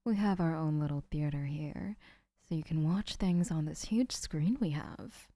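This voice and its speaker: In an audio roleplay, a woman plays a doting, obsessive young woman who keeps the listener, her low voice soft, whispery and sweetly possessive. She speaks unhurriedly, and the studio sound is clean with no echo.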